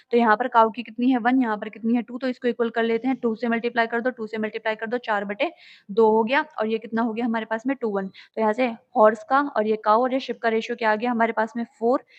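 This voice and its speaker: Woman explaining maths steps, dull audio. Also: fairly high pitch. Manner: explains step by step, asks and answers her own questions; reads questions in English, explains in Hindi. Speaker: maths teacher. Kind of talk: exam solution walkthrough.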